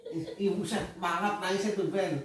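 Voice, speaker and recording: A man's voice: high voice, steady tone, normal speed, slight background noise. A man, a father, chatting casually with his family at home. His talk is playful and teasing. The recording picks him up from a distance in a strongly echoing room. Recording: echoey room, mic far off.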